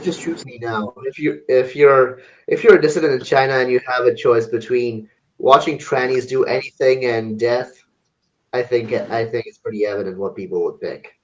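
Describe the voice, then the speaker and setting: Blunt young man over background hiss. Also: mid-range voice. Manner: blunt and crude, with trailing restarts. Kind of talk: casual group chat. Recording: noisy recording with audible hiss.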